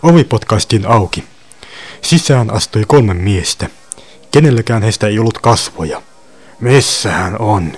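A man narrating a dark short story in an even, deliberate, dry manner. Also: fairly low pitch. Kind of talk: dramatic short story reading.

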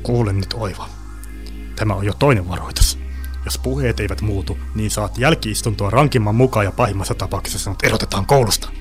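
A man's voice: fairly low pitch, soft background music, natural voice. A man voicing an irritable male history teacher who lectures and scolds his class in a storybook reading. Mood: stern.

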